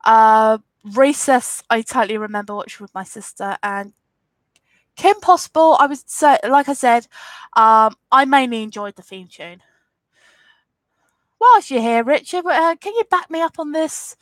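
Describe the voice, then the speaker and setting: Slightly high and lively in intonation, she talks at a measured pace in a dry recording. The speaker, a twenties-aged YouTuber from England with an Essex accent, is sniffly with a cold as she chats casually through a live Q&A, responding frankly to comments and defiantly to trolls.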